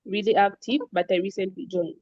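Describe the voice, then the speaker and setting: Soft-spoken woman from Zambia, mellow voice. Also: medium pitch, steady tone, fairly quick, dry recording, lo-fi sound. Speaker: patient sharing her experience. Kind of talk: personal account on a webinar. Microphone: video call.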